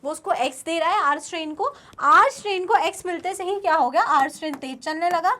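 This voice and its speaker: Woman, young adult, teacher, high voice, online lecture, quizzes students then answers. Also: slight background noise. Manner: lively, asks students questions and answers them herself.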